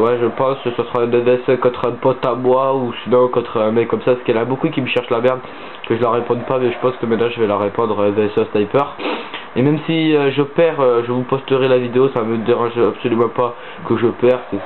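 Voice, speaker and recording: A teenage boy from southern France, sniffling with a stuffy nose from a cold, rambles through casual gaming commentary as a channel host, hesitating often. His medium-pitched voice is fairly even and a little fast. A tinny, phone-like mic adds faint hiss.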